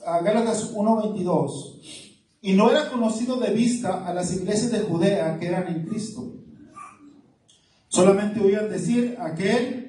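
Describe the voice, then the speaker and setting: A man's voice: high voice, dark tone. A male pastor, preaching a sermon, reading scripture and putting questions to his congregation. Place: church hall. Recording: echoey hall, far from the mic. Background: congregation responding.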